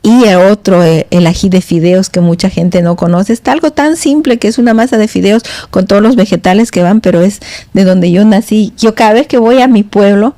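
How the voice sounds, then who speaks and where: A middle-aged woman, a podcast guest, telling stories in a halting, meandering way with many restarts. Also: mid-range voice, warm tone, no room sound. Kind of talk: casual storytelling in conversation. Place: podcast studio.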